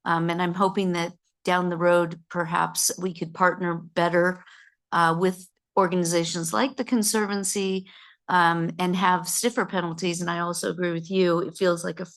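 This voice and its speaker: A woman's voice: lowish voice, flat delivery, normal speed, a bit bright. A woman board member commenting at a public meeting, hesitant and full of fillers.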